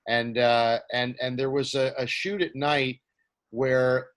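A man hosts an interview and poses long, winding questions, restarting as he searches for words. His pitch sits in the middle range. The delivery is conversational and unscripted. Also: fairly even intonation, slow pace, fairly bright tone, clean tone.

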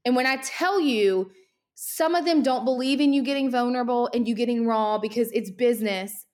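A woman hosting her own podcast, giving energetic, animated marketing advice at great speed and sounding a little winded. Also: fairly high pitch. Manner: energetic, animated, talks very fast. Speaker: podcast host, social media marketer. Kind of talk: fast motivational solo podcast talk.

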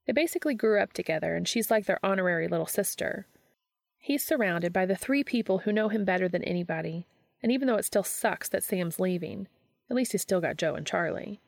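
A woman reading a fan story aloud in a steady storytelling narration. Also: medium pitch, fairly quick, gravelly, dry recording. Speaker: fanfiction reader.

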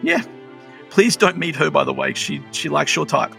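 A man voices a flustered middle-aged town crier whose wife has left him and who keeps rambling and oversharing about it. He is a game master playing a townsperson in improvised tabletop roleplay. His voice is on the high side, sing-song, gravelly, and sharp, at a moderate pace, with faint music behind him.

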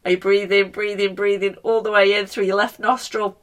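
A woman's voice: medium pitch, flat delivery, fairly quick. A woman leads a casual guided breathing lesson, talking the listener through steps in a playful, encouraging way. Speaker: breathing exercise instructor.

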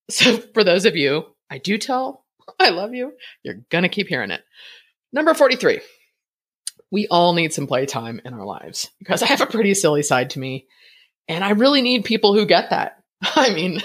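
Woman in her 50s, podcast host, low voice, lively swooping delivery, quick mumbly personal monologue. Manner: talks quickly and mumbles, laughs often.

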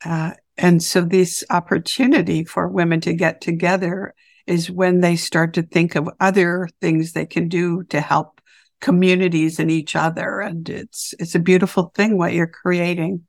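Woman interviewer, raspy morning voice, dry sound, affirming and unhurried. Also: fairly low pitch, little pitch movement, no room sound. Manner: warm, affirming, searching for words. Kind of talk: interview conversation.

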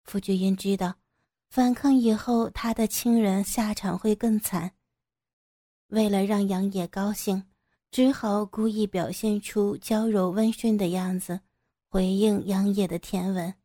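Female narrator, warm dark tone, even storytelling pace, dry close sound. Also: medium pitch, measured pace, dry recording.

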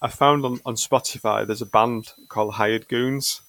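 A man's voice: mid-range voice, fairly even intonation, moderate pace, fairly bright tone, dry recording. A man co-hosting a podcast in casual chat, hesitant and self-deprecating. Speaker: podcast co-host.

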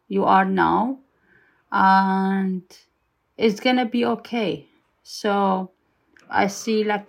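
Slow, hopeful woman telling her story. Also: medium pitch, vocal fry, low-quality recording. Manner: hopeful, hesitant, restarts often. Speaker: refugee volunteer and co-producer. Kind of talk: reflective personal testimony.

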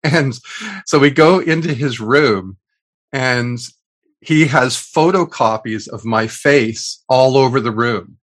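A man's voice: medium pitch, slow, a bit bright. A man in his fifties co-hosting a podcast, chatting casually with many fillers and restarts over a video call. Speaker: podcast co-host. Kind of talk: casual chat.

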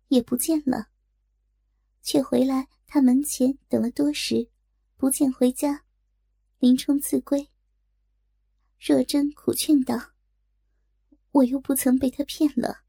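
A woman narrating a story in a slow, measured way. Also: high voice, gravelly, warm tone, dry recording.

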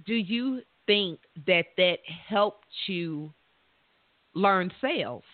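A woman's voice: medium pitch, lively intonation, very slow, no echo. A woman hosting a radio interview, enthusiastic and often restarting her sentences. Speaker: radio show host. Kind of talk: casual interview. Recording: thin phone-line sound, dry.

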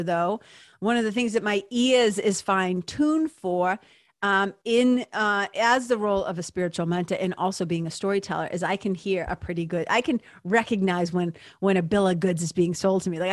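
A woman's voice: medium pitch, no echo. Chatty woman hosting a podcast, dry close sound. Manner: informal, conversational, emphatic repetition, checks in with listeners. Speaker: podcast host and spiritual mentor. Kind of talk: casual solo podcast talk.

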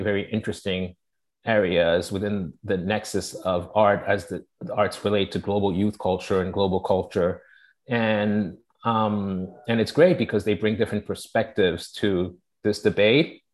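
A man from Togo, moderating an online forum in a measured way, often searching for his words. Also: lowish voice. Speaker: panel moderator. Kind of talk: introducing an online forum discussion.

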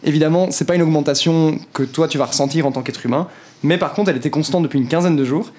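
A young man giving a quick, theatrical recap as a radio columnist, with mock announcer flourishes. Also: a little high, a little mellow. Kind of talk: scripted political recap.

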